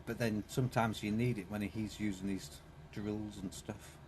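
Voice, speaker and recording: A man's voice: fairly low pitch, fairly even intonation, normal speed, a little mellow, slight background noise. A man chatting casually on a live stream in a vehicle workshop, wandering and repeating himself. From South East England. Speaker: streamer fixing his van.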